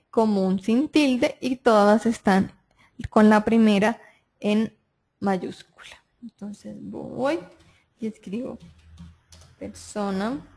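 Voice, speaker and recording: Brief: woman, software tutorial voice, steady step-by-step explaining, mid pitch. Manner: step-by-step explaining, frequent "entonces" and "listo", checks with "¿sí?". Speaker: software trainer. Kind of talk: screen-recorded software tutorial.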